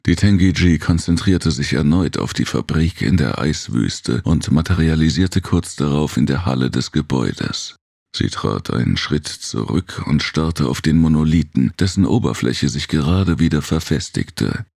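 A male audiobook narrator with an extremely deep, gravelly voice and a husky grain. He reads at a measured, steady pace, close to the mic in a dry room. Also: dry recording. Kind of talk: scripted narration.

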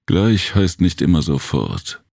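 A man with a very deep voice playing a tired, gruff alien man with big ears in a storybook reading, talking in a weary, curt way. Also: sing-song, takes it slowly, darkish tone, no echo, clean studio sound, full character voice.

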